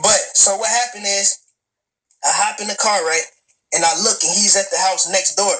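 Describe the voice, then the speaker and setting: In a rough recording, a man in his twenties casually tells a long personal story, swearing and rambling as he stammers, restarts and talks straight to his audience. His high, bright voice has a forceful tone, fairly even intonation and a normal pace.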